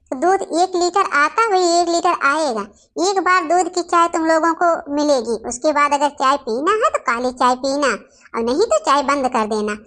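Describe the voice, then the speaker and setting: A woman's voice: extremely high pitch, fairly bright tone. A woman voicing a quarrelsome, stingy young daughter-in-law in a cartoon family story, sarcastic and scolding.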